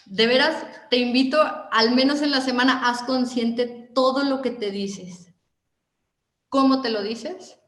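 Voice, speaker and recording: A woman with a Mexican Spanish accent giving a motivational talk, animated and asking her listeners question after question. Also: fairly high pitch, a little slow, roomy sound. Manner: animated, asks the audience many questions. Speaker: motivational speaker.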